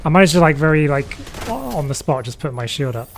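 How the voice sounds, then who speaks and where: A man's voice: on the high side, sing-song, fairly quick, noisy background. A man chatting casually while playing a game on stream, talking freely and filling his sentences with "like". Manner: chatty, fills speech with "like". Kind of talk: casual chat while gaming.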